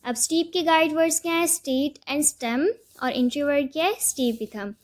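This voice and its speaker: High-voiced woman teaching vocabulary. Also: a little fast. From South Asia. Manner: patient, step-by-step explaining with hesitations. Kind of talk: explaining a school vocabulary lesson.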